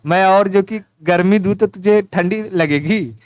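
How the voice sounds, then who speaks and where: A man gives an informal exam-prep lesson, pitched a little higher than most and sounding clear and resonant. He teases the listener and repeats key terms over and over. The recording is close and dry, with no room sound. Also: slow, darkish tone, no echo. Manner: teasing, repetitive, addresses listener as "tu". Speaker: teacher.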